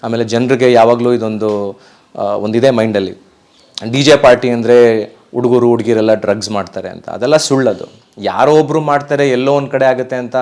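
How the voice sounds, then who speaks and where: A man's voice: medium pitch, darkish tone. A man from Karnataka, a professional DJ, talking earnestly and emphatically in a casual interview, often urging listeners. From Karnataka, India. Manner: earnest, emphatic, repeats pleas.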